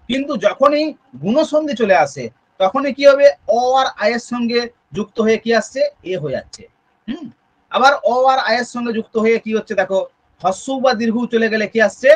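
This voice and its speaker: High-voiced man tutoring Sanskrit grammar. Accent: Bengali. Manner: explains step by step, keeps asking the students questions. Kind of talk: exam-prep grammar lesson.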